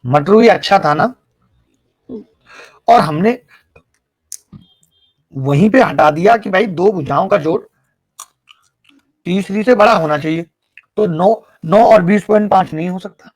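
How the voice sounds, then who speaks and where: A man's voice: sits high, a little slow, pauses often, dry recording. A man teaching a live online math class, explaining each step and teasing his students with jokes.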